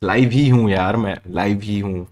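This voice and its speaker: A man's voice: fairly low pitch, moderate pace, a little mellow. A male livestreamer in casual chat, joking and reading out super chats, mixing in English phrases.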